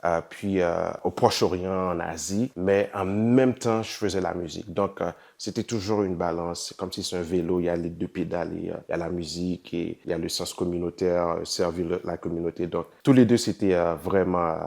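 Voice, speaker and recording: A man's voice: low voice, fairly even intonation, fairly quick, gravelly, few pauses, a little mellow. A man from Saint-Martin, a musician and charity founder, answering interview questions hesitantly with many fillers and the odd slip into English.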